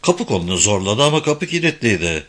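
A man narrating a novel as an audiobook with expressive, animated reading. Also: lowish voice, brisk. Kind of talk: scripted narration.

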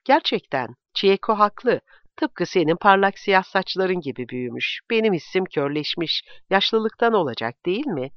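A man's voice: high-pitched, very animated, moderate pace, dry recording, pitched above the performer's own voice. A man voicing an aging father in a read-aloud story, who muses and lectures in a slightly grand way. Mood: musing. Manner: musing, lecturing. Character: aging father, musing and a bit pompous. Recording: dull, dry recording.

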